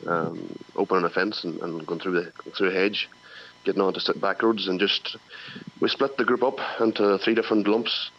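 A man with a Donegal Irish accent talking casually and haltingly, often repeating words, as an interview guest. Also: sits low, steady tone, a little hiss or hum. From County Donegal, Ireland. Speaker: radio phone-in guest, farmer. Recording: dull telephone line.

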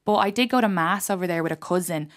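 A woman's voice: lowish voice, fast. Laughing Irish woman in her thirties. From Ireland. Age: 30s. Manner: chatty, self-mocking, laughs often. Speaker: comedian guest. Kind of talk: casual radio interview chat.

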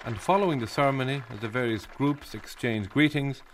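A male reporter reads documentary narration in a measured, formal way. His voice sits at a middling pitch and sounds clean and close. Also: heavy background noise.

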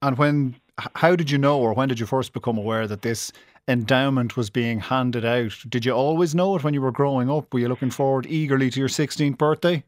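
A man's voice: medium pitch, fairly quick, no room sound. Male radio interviewer, dry studio sound. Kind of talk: broadcast interviewing.

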